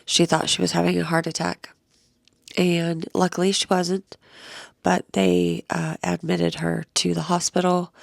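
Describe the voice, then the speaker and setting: A woman's voice: on the low side, no room sound, clean studio sound. A tired, sleepless middle-aged woman with a crackly voice, talking casually in a personal vlog and reading a card aloud, sometimes sinking into a whisper. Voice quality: crackly, gravelly voice. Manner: tired, slow, at times dropping to a whisper. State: exhausted and sleepless. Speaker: vlogger.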